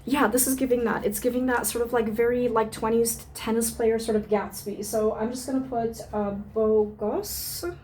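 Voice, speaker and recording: A woman's voice: a little high, steady tone, moderate pace, darkish tone, slight background noise. A woman burlesque performer chatting casually on her vlog, thinking aloud with lots of fillers and the odd swear word. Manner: rambling, many fillers, swears freely, thinks aloud while sniffing samples. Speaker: burlesque performer reviewing perfume samples. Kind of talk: casual unscripted vlog chat.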